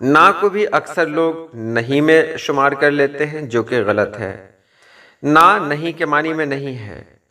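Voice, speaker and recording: A man giving a measured lesson, explaining word usage and quoting verse and example phrases. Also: on the high side, lively intonation, pushed and bright. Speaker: language teacher. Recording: distant from the mic.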